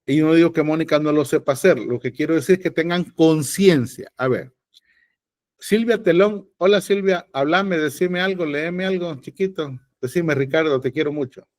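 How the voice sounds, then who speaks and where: A man's voice: a little high, moderate pace, darkish tone, dry recording. A man with a Salvadoran accent teaching podcast acting in an online class, blunt and joking with emphatic advice. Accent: Salvadoran Spanish. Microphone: video call.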